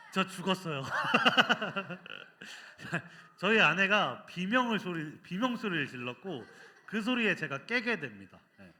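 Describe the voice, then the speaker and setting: A man preaching at a children's worship service, telling a funny story with lively energy and quizzing the kids with questions as he goes. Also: sits high, slow pace.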